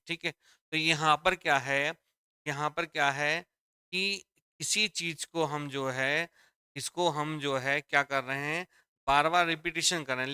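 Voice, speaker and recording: Male Hindi teacher, fairly high, bright and crisp voice, dry close sound; explains patiently and repeats each point. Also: no room sound. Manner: explains step by step, repeats lines, addresses students as dear children. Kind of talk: exam-prep grammar lesson.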